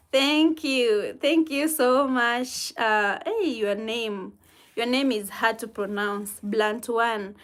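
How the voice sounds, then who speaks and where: A woman with a Kenyan accent and a slightly high voice hosts a relaxed livestream. She reads out viewer comments and offers gentle, unhurried advice, laughing softly now and then.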